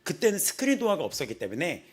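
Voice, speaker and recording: A young man in his twenties preaching a casual sermon in a small church, telling personal stories with lively acted-out quotes and frequent laughter. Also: on the high side, quick pace, breathy edge. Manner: animated storytelling, acts out quotes, laughs often. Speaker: pastor.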